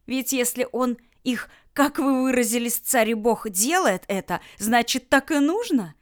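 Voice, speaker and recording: A woman's voice: a little high, lively intonation, unhurried. A woman reading an audiobook, voicing a hysterical, indignant older woman who shrieks and squeals. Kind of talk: audiobook character voice.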